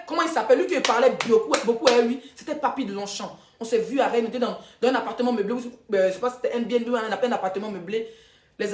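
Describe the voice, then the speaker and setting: A woman with an Ivorian French accent holds forth on a livestream, repeating her points and swinging from loud, high outbursts to low, quiet asides. Her voice sits somewhat high. The room around her is echoey. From Ivory Coast. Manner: emphatic, repeats herself, voice rising and dropping sharply. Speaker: social media livestreamer. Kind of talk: heated livestream monologue.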